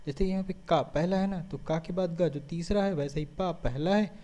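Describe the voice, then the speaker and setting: Mellow-voiced man teaching grammar. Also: fairly high pitch, normal speed. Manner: explains step by step, often asks and answers his own questions; frequent checking fillers. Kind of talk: board-style grammar lesson.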